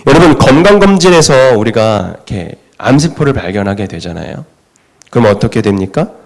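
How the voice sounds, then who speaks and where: Animated male pastor preaching a sermon. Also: fairly low pitch, fairly quick, gravelly. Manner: animated preaching, asks the congregation questions and answers them. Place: church sanctuary.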